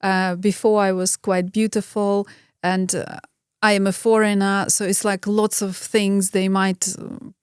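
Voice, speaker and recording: A woman's voice: mid-range voice, flat delivery, unhurried, smooth, no room sound, studio quality. A woman from Ukraine speaking English with a Ukrainian accent as an interview guest, candid and self-reflective, often hesitating and restarting. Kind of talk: conversational interview.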